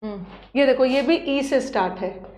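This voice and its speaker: Woman grammar teacher, a fairly high voice and an echoey room. Teasing coaching-class manner, with sounds drilled out loud. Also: moderate pace, a little hiss or hum. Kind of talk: online coaching class lecture.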